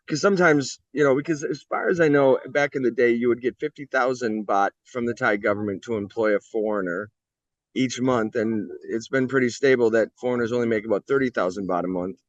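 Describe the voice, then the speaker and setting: A man's voice: medium pitch, brisk, no room sound. A middle-aged American man telling his story bluntly and candidly as an interview guest, with some swearing. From United States. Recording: dull, dry lo-fi sound.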